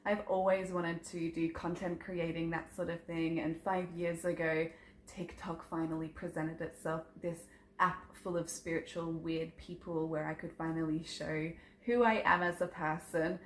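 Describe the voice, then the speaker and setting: She speaks in a low, flat voice at a measured pace, with slight background noise. A psychic content creator around thirty, she introduces herself in an earnest, chatty vlog with frequent ums, telling stories of family and spirituality, recorded with roomy echo and faint ambience.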